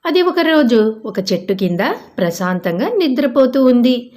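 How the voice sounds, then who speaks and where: A woman narrating a children's moral story with a lively, expressive storytelling lilt. Her voice sits a little high for a woman. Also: unhurried.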